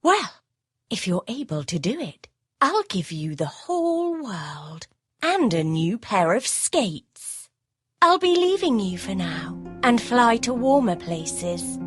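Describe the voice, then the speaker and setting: A woman playing a cold, commanding snow sorceress in a storybook game, with an imperious, measured way of talking. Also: mid-range voice, big pitch swings, breathy edge, no echo, clean studio sound, faint music behind, heavily acted. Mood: haughty.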